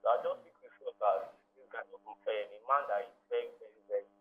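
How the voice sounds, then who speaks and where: A male radio caller, talking slowly and hesitantly over the phone. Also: fairly low pitch, a little hiss or hum. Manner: slow, hesitant, with fillers. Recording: tinny phone line on radio.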